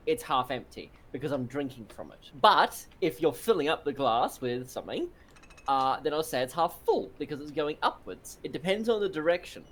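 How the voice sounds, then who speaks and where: A man's voice: a little high, fairly bright tone. A young man in casual gameplay chat, joking and blunt, rambling through his opinions.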